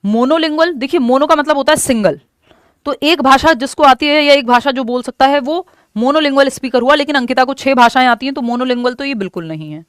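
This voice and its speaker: A woman's voice: sits high, fast, clean tone, no room sound, studio quality. A woman teacher, explaining exam questions step by step and mixing English terms into her speech. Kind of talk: exam-prep lesson.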